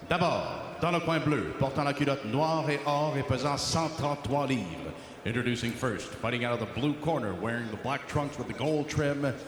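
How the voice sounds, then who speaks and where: A man working as a boxing ring announcer, making formal arena introductions with deliberate, projected delivery and drawn-out names. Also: medium pitch. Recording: echoey arena PA, long reverb, faint noise.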